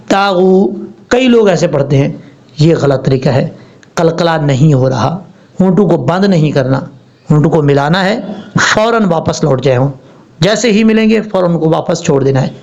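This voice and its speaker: A man's voice: fairly high pitch, a little mellow, highs cut off. A man teaching Quran recitation rules in a patient lesson, spelling out letters and asking and answering his own questions. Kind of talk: tajweed lesson explaining rules step by step.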